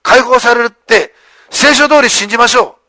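A male pastor preaching a sermon with animated storytelling, acting out the lines of the people in the story. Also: extremely high pitch, normal speed, no echo.

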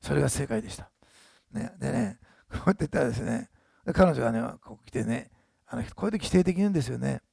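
A man's voice: mid-range voice, expressive, fast talker, vocal fry, mellow, breathy edge, dry recording, studio quality. A man in his sixties, a pastor telling a story in a sermon, chatty, often adding tag words. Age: 60s. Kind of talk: sermon testimony.

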